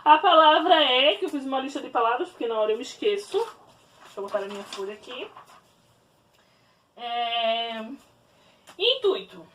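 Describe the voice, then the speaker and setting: A woman teacher giving a grammar lesson, spelling words out slowly and patiently. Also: on the high side, fairly bright tone, distant mic, slight background noise. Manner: slow, spelled-out explaining.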